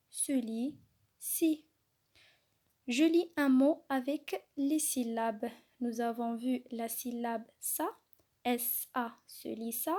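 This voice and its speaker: A woman gives a reading lesson for small children, sounding out each letter and syllable with great patience. Her voice is mellow and a little high, and she speaks very slowly. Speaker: kindergarten teacher. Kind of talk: slow, clearly articulated reading lesson for young children.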